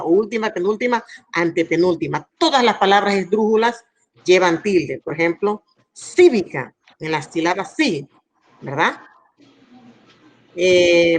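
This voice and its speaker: A woman's voice: mid-range voice, a bit bright. A woman teacher giving a class online, explaining rules patiently and checking in with her students. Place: school in Santiago.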